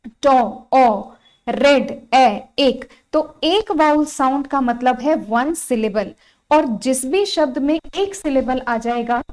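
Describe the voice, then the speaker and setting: A woman with a high, clear voice teaches an exam-prep grammar lesson. She spells out vowels one by one, repeats each rule and keeps checking with her students. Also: a little mellow. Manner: repeats points, asks students rhetorical questions, spells out vowels. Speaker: English teacher.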